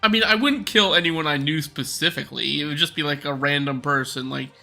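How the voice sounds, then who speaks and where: Excitable, stammering bright-voiced man. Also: on the high side, a little fast, vocal fry. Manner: excitable, stammers and repeats words. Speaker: streamer playing a game live. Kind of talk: casual chat.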